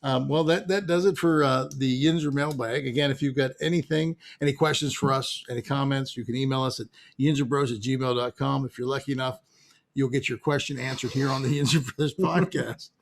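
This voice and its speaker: A man's voice: mid-range voice, steady tone, fairly quick, vocal fry. A middle-aged man with a Pittsburgh accent hosting a podcast, teasing his co-host and laughing often as he wraps up the show. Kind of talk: casual podcast chat.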